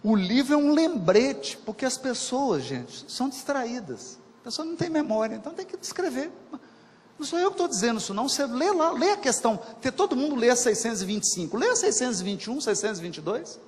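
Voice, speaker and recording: A man gives a spiritist lecture, his fairly high voice swooping up and down with lively energy. He speaks colloquially, repeats key phrases and asks his listeners questions. The sound carries a long hall reverb. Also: fast talker. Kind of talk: spiritist lecture to a live audience.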